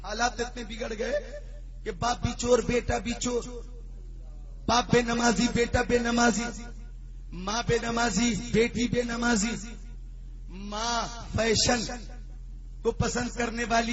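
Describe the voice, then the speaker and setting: ایک مولانا جو مزاحیہ قصے سنا کر وعظ کرتے ہیں اور جوش میں آ کر بلند آواز سے پکارتے ہیں، سامعین سے جواب بھی منگواتے ہیں۔. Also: male voice, very high-pitched, lo-fi sound. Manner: storytelling, rising to fervent shouted climaxes; urges the audience to respond. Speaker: preacher. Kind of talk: sermon with humorous anecdotes.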